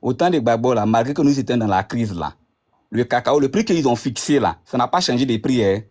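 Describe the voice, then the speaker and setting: A man's voice: mid-range voice, animated, a little fast, a little mellow. A man in a heated political argument, insistent and repeating himself as he talks over his opponent. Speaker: debate participant.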